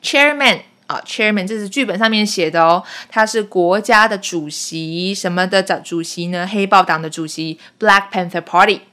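Casting: woman teacher, patient and explanatory, moving between English phrases and their meanings, mid-pitched. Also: normal speed, hardly any pauses, pushed and bright. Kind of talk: explaining film dialogue line by line.

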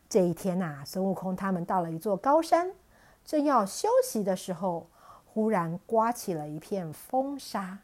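A woman reading a storybook aloud to children in an animated, expressive way. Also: mid-range voice.

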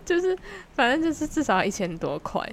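A young woman with a Taiwanese Mandarin accent, hosting a podcast and telling a story in an animated, chatty, giggly way. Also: high-pitched, fairly quick, a little hiss or hum. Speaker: podcast host. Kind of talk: casual storytelling chat.

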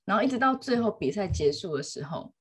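Animated woman telling a story. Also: mid-range voice, quick pace, husky. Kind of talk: casual chat.

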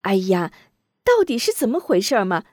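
A woman voicing a proud, sharp-tongued young lady who speaks quickly and indignantly. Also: medium pitch, very animated, no room sound, clean studio sound.

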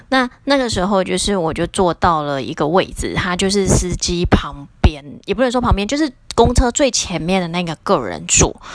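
A woman's voice: fairly low pitch, no echo. Chatty Taiwanese-accented woman telling a story. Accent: Taiwanese Mandarin. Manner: chatty, voice rising sharply when reliving indignant moments. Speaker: podcast host and lawyer. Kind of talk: casual storytelling monologue.

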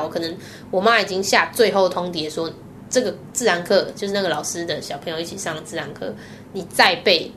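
A medium-pitched woman with a Taiwanese Mandarin accent appears as a guest, telling personal stories candidly and with animation. She laughs often and acts out the voices she quotes, while a slight hiss or hum sits under the audio.

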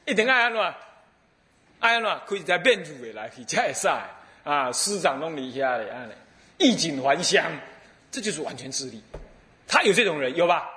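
这是一位台湾口音的住持和尚在开示佛法，声音高亢清亮。他的语调抑扬顿挫，讲故事风趣活泼。. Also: male voice, sits high. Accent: Taiwanese Mandarin. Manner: lively, humorous storytelling. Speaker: Buddhist abbot and lecturer. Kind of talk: dharma lecture.

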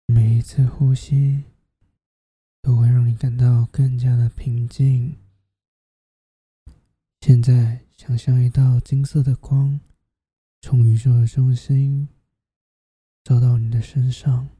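Sleep story narrator, slow half-whispered guided meditation, very mellow, soothing, close dry sound. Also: mid-range voice, flat delivery, breathy edge, dry recording.

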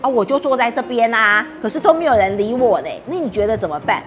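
A woman's voice: on the high side, expressive, fast talker, faint music behind, close to an everyday voice. A woman voicing a shy young boy, talking in a timid, whiny way. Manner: timid, whiny, later bold hawking.

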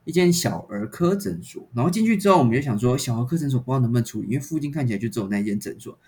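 Fast-talking man telling a story. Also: mid-range voice. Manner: animated, exasperated retelling with frequent laughs. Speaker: podcast host. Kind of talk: casual storytelling chat.

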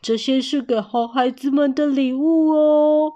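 A woman voicing a jolly old Santa Claus with a drawn-out festive greeting, in a storybook reading. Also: fairly even intonation, mellow, muffled recording. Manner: booming ho-ho laugh, drawn out.

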